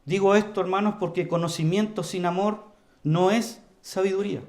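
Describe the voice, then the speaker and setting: A man preaching an earnest, emphatic sermon to his congregation, repeatedly calling them brothers and moving between loud emphasis and quiet, low passages. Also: steady tone, normal speed. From Chile. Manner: earnest, emphatic, often addresses the congregation as "hermanos"; varies volume widely, rising to loud emphasis and dropping low.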